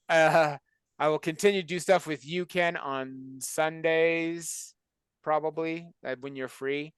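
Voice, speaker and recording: A man's voice: on the high side, steady tone, slow pace, a bit bright, clear, resonant tone, no room sound. A man hosting a casual chat on a video call, joking and rambling. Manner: joking, rambling, self-mocking. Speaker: show creator and host of the call.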